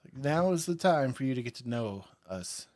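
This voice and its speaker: A man's voice: mid-range voice, expressive, normal speed, darkish tone, dry recording, clean studio sound. A tipsy man hosting a live stream, chatting casually and rambling, laughing often. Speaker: podcast and stream host.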